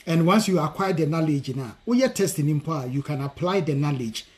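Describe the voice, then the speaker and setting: A man's voice: on the high side, lively intonation, a little fast, a little mellow. A man with a Ghanaian accent hosting an advice show, explaining informally to listeners with frequent hesitations and repeated phrases. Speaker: host of a legal advice phone-in show. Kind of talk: informal spoken explanation to listeners, switching between languages.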